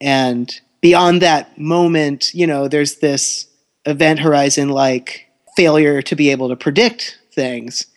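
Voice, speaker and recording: Male podcast co-host, slightly high voice, analytical and conversational, with thin laptop-microphone sound. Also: fairly even intonation, slow pace. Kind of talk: conversational discussion.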